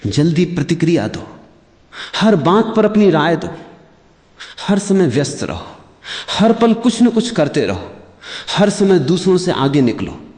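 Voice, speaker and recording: A man giving a scripted spiritual discourse, measured and contemplative, speaking straight to the listener. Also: sits high, sing-song, darkish tone. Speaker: spiritual narrator. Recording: long reverb.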